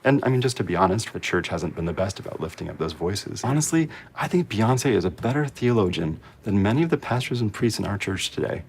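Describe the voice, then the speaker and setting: A man's voice: on the low side, lively intonation, brisk, hardly any pauses, breathy edge. A man from the church speaking candidly and earnestly in an interview.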